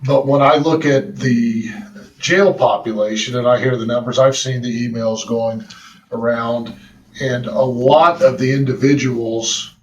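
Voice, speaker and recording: A man, a public defender, speaking earnestly at a county meeting, often restarting his sentences. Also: medium pitch. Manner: earnest, halting with repeated restarts. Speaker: drug court public defender. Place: county council chambers. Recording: roomy chamber audio from far mic.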